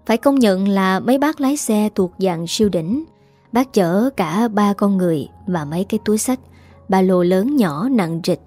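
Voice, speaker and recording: A woman narrating a dramatic story with a steady, scripted reading. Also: medium pitch.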